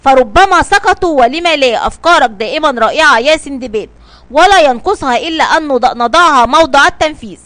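A woman's voice: high-pitched, animated, quick pace, fairly bright tone. A woman voicing an anxious, eager male ship's mate in a children's storybook reading, sounding tense and worried.

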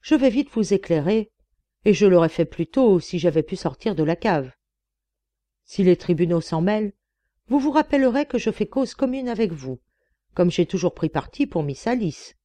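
A woman reading a sturdy, loyal housekeeper confiding earnestly, her tone mellow and warm. The recording is dry and close. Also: lowish voice, very animated, moderate pace, dry recording. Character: stout older woman servant, frank and loyal.

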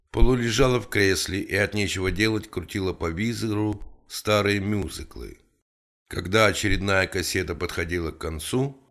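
A man narrating an audiobook in an even, measured storytelling manner. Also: sits low. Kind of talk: scripted narration.

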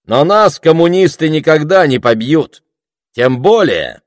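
A man voicing a boastful, self-important male orator who speaks loudly and pompously. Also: fairly high pitch, big pitch swings, a little slow, no echo, studio quality, voice pushed up. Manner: loud, pompous, declaiming.

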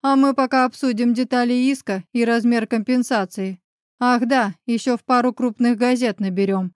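A woman's voice: a little high, fairly even intonation, moderate pace, no room sound, clean studio sound, lightly acted. A woman reading as a sarcastic young male lawyer. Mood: mocking. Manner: mocking, ironic.

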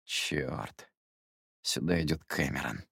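A male audiobook reader voices a brusque, menacing young man, speaking low and clipped in a very deep voice at normal speed with a breathy edge, each jab a hushed warning. The mood is threatening and urgent, and the recording is dry and close with no room sound.

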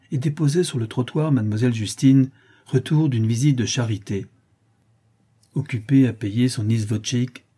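A man narrating a classic novel aloud in a measured, even storytelling manner. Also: medium pitch, breathy edge. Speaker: audiobook narrator. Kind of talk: scripted literary narration.

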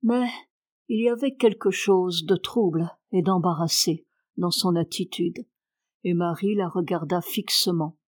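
A woman narrating a classic novel as an audiobook, in a calm, measured reading style. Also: on the low side. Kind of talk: scripted literary narration.

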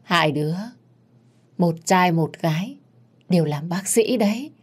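A woman's voice: fairly low pitch, expressive, a little slow, husky. A woman voicing a confused older woman who babbles and laughs wildly. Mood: deranged. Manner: babbling, cackling.

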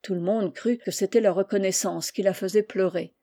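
A woman reading a classic children's novel aloud in a measured audiobook narration. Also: mid-range voice, steady tone, mellow. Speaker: reader.

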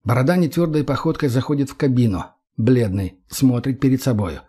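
A man narrating a first-person audiobook in short, clipped, measured phrases. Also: medium pitch, dark tone, breathy edge.

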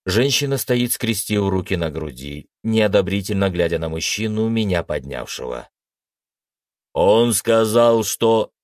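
A man narrating a first-person science-fiction story aloud in an expressive storytelling manner. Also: sits low, normal speed, few pauses, no room sound, studio quality. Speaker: audiobook narrator.

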